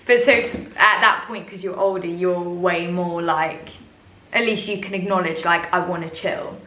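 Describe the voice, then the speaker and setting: A woman's voice: lowish voice, steady tone, normal speed, pushed and bright, slight background noise. A young woman in casual conversation, informally acting out remembered thoughts as little quotes. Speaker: host. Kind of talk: casual chat. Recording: echoey room.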